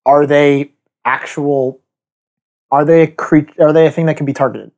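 Male tabletop player, slightly high pitch, casual conversational delivery. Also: fairly even intonation, moderate pace, darkish tone. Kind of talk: casual chat.

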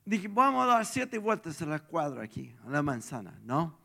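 Hoarse pastor, high gravelly voice. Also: male voice, normal speed. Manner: animated, swings from shouts to hushed asides. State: tired, strained throat. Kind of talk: lively storytelling sermon.

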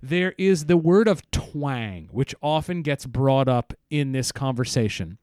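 A man's voice: mid-range voice, expressive, measured pace, darkish tone, no echo, studio quality. A man co-hosting a casual podcast, explaining voice science terms and thinking aloud with frequent restarts. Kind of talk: casual technical discussion.

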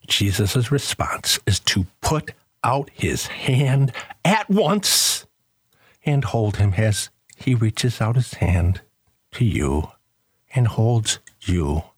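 A man's voice: slightly rough, no echo, clean studio sound. Impassioned male scripture preacher. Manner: impassioned, swings between soaring highs and hushed lows. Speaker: host. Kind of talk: scripture reflection.

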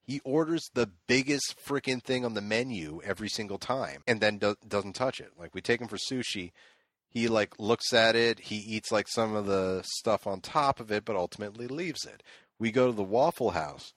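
Podcast co-host, male, low register, dry close mic; loose, profane storyteller who laughs a lot. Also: normal speed, fairly bright tone, no echo. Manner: profane, rambling, laughs often. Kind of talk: casual storytelling chat.

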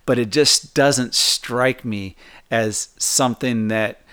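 A man co-hosting a casual comedic chat, hedging and restarting as he pushes back with skepticism. His voice sits at an ordinary middle pitch. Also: takes it slowly, fairly bright tone, clear, resonant tone. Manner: hesitant, restarts often, skeptical. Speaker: podcast co-host.

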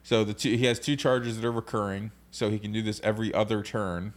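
A man's voice: fairly low pitch, fairly even intonation, quick pace. A man co-hosting a podcast, steadily explaining tabletop game card rules in casual chat. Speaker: podcast co-host.

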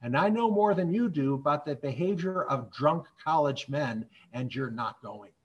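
Man voicing a steady mother, firm, matter-of-fact, slightly raised voice. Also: a little high, moderate pace, husky, highs cut off, voice pushed up. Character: firm middle-aged mother holding her ground.

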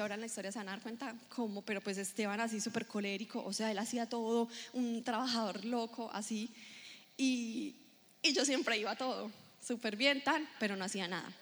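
Woman, 30s, motivational speaker; animated storyteller who acts out dialogue, slightly high voice, long hall reverb. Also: brisk. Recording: reverberant hall, faint ambience.

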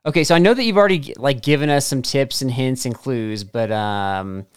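A man's voice: mid-range voice, a little fast, clean tone. A man hosting a podcast, asking friendly, rambling questions full of fillers. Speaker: podcast host. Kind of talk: casual interview.

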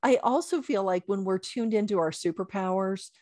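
Woman podcast guest chatting, medium pitch, really dry recording, emphatic and agreeable. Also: moderate pace, a little mellow, no echo. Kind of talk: casual conversational interview.

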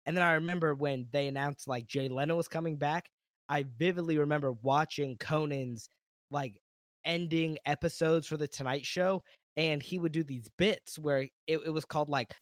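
A man with a fairly high voice hosts a podcast, asking relaxed follow-up questions. The recording is close and dry, with no room sound. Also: normal speed, no echo. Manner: conversational, asks follow-up questions. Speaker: podcast host. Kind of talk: casual interview chat.

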